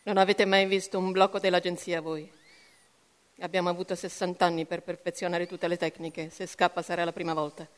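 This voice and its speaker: A woman voicing a hoarse, worn-out farm parent of a strange boy, in a reading with long reverb. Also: on the low side, little pitch movement, brisk, lightly acted. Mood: weary.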